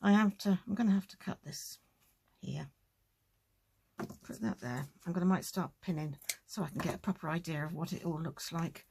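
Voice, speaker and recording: A woman's voice: fairly low pitch, normal speed, vocal fry, noisy background. A woman hosting a casual crafting tutorial, chatting and thinking aloud as she works.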